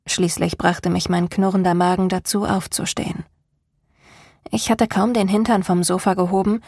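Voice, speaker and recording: A woman narrating a novel in the first person, with calm, even storytelling. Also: medium pitch, gravelly, no room sound, studio quality. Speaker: audiobook narrator.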